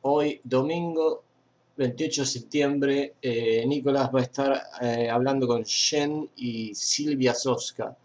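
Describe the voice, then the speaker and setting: Young Argentine guy for a webcam vlog, middle pitch, rambling chat full of fillers. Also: steady tone, slow, a little mellow. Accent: Argentine Spanish. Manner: rambling, with many fillers and restarts. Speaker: fan page host. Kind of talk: casual webcam news chat. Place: indoor room at a computer.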